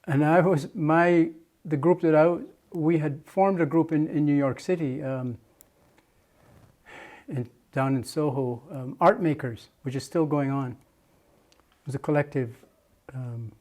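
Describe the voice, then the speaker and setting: A man's voice: a little high, steady tone, a little slow, a little mellow. An older man from Jamaica, a muralist, recalling his past at length in an oral history interview, with many restarts and fillers.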